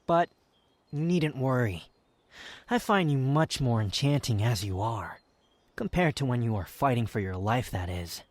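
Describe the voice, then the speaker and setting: A man performs a haughty young male wanderer with a sardonic edge, made for intimate roleplay audio. His phrasing is formal and halting, with lively, swooping intonation. The sound is close and very dry. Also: medium pitch, no room sound. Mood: smug, menacing. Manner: haughty, formal wording, halting, sighs and scoffs. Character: aloof, proud, sardonic young male wanderer confessing reluctant affection. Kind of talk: intimate scripted roleplay ASMR, fan audio drama.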